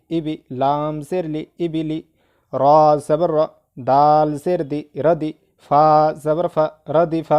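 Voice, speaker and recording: Slow, mellow man drilling Arabic letters. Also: a little high, smooth. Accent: Indian. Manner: spells each letter with its vowel mark, then speeds up for explanations. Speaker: Quran reading teacher.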